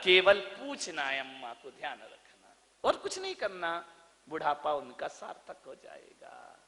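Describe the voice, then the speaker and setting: A man preaching a theatrical sermon as a Jain monk, swinging from soft asides to shouted lines and acting out household dialogue. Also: on the high side, huge pitch swings, unhurried, gravelly. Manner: acts out household dialogue in sing-song voices. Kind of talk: sermon to a live audience. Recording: long reverb of a large hall.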